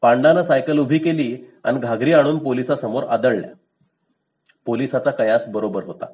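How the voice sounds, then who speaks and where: A man narrating a short story aloud in a measured, dry storytelling manner. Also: mid-range voice, darkish tone, lo-fi sound. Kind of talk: storybook reading.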